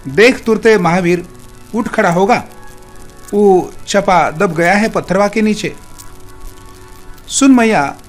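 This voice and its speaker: A man voicing a grief-crazed old village father who cries out and begs in rustic dialect. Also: high voice.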